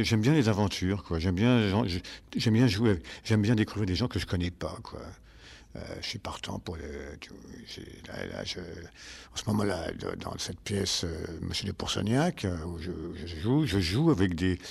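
An older man, a stage actor, answering interview questions in a rambling, halting way with many restarts. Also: low-pitched, gravelly, a little mellow, husky.

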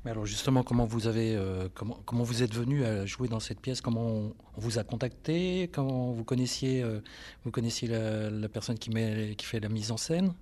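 A man's voice: medium pitch, moderate pace, warm tone. A man interviewing a guest, asking questions while searching for his words.

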